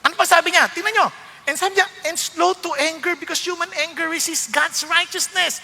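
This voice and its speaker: Animated Filipino preacher in a reverberant hall. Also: male voice, extremely high pitch, fairly quick, creaky, slight background noise. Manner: animated, mixes Tagalog and English, acts out complainers. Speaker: pastor. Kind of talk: sermon.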